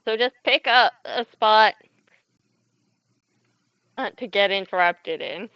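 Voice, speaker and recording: A woman's voice: medium pitch, takes it slowly, clean tone, no echo. A woman co-hosting a game playthrough with casual chat, recorded a little dully. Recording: slightly dull, lo-fi mic.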